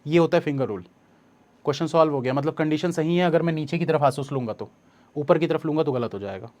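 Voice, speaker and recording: A man, teaching an exam coaching lesson step by step and reading the questions slowly aloud. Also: a little high, darkish tone.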